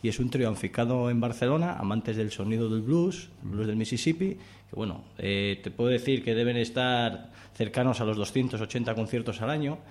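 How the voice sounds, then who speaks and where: A man's voice: medium pitch, brisk, few pauses, a little mellow. A man, a guest on a radio show, chatting enthusiastically about the festival he helps organize, with many restarts. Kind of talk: radio interview chat. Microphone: studio radio mic.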